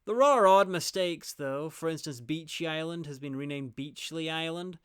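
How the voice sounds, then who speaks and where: Reading scripted review narration, a man takes a wry tone. His voice is smooth, clear and fairly bright, a little high for a man, and he speaks at normal speed.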